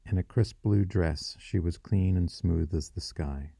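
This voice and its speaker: A man narrating a fiction audiobook in a measured, descriptive storytelling manner. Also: low-pitched, creaky, warm tone, no room sound, studio quality.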